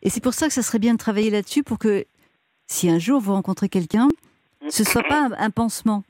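A woman's voice: mid-range voice, animated, a little fast, darkish tone, no echo, studio quality. A woman hosting a radio advice show, reassuring and encouraging her caller. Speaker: radio host.

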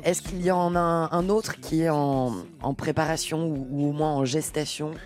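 A man's voice: a little high, fairly even intonation, normal speed, music in the background. A man hosting a radio interview from a studio, speaking in an announcer style with occasional fillers. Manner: announcer-like, fills with euh. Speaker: radio host.

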